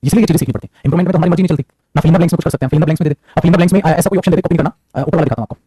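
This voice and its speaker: A man teaching a grammar class at a breakneck pace. His voice is mellow and a little husky, slightly higher than most men's. The sound is dry and close, with no room around it. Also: no room sound. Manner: rapid, animated, addresses students as beta.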